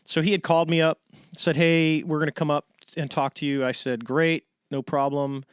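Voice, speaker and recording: A man's voice: on the high side, brisk, clear, resonant tone, dry recording, studio quality. A middle-aged man from the United States, a guest on an interview show, telling a long story in a casual way and acting out the voices of the people he quotes. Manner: animated storyteller, acts out quoted dialogue. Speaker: interview guest, retired navy fighter pilot.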